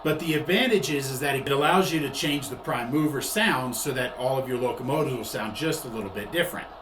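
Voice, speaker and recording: Speaking a little fast in a mid-range voice, a man demonstrates a product in a tutorial he hosts. His explanations are conversational, and he tends to rephrase his points. The room echoes, and there's faint noise behind him.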